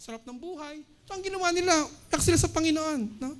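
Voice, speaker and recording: A woman with a Filipino accent preaching a sermon in a church service, mixing Tagalog and English, tagging phrases with "no?" and reading Bible verses slowly and emphatically. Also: very high-pitched, a little hiss or hum. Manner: Taglish, frequent tag "no?" after phrases.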